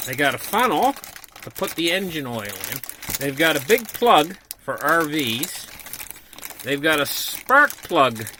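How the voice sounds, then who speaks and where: A man with a fairly high, very lively voice talks off the cuff inside a small camper trailer. He walks through a product casually, in a folksy, repetitive way. His tone rises and falls freely as he presents. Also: a little hiss or hum. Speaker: vlogger presenting a product unboxing. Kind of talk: casual unscripted product walkthrough.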